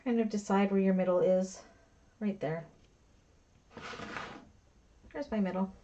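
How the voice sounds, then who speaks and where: A woman's voice: medium pitch, steady tone, unhurried, warm tone. Woman, crafting instructor, chatty and self-mocking; slightly dull, lo-fi table mic. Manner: chatty, self-deprecating, talks to herself while working. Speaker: bag-making instructor. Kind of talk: live class instruction while sewing. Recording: slightly dull lo-fi with faint noise.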